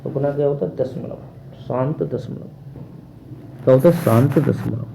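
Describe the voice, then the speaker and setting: A man's voice: medium pitch, moderate pace, creaky, warm tone, slight background noise, rough recording. A man teaching a math class online, asking questions and answering them himself in a repetitive drilling manner.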